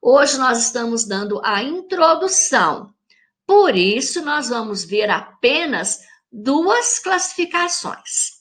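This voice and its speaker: Bright-voiced Brazilian woman teacher. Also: high-pitched. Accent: Brazilian Portuguese. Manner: patient, speaks straight to the children with check-in questions; spells words out syllable by syllable. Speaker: primary school teacher. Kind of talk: recorded lesson for children.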